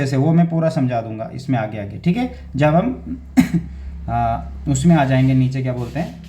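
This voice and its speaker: Young male coaching teacher, a touch high-pitched, casual and repetitive, keeps checking in. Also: warm tone. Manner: repeats words and checks understanding with "theek hai". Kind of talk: casual Hindi-English grammar lesson.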